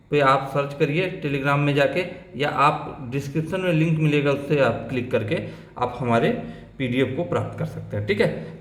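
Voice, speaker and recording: Echoey man teaching an exam lesson. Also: on the high side. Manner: asks and answers his own questions, repeats "ठीक है". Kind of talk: exam-prep grammar lesson.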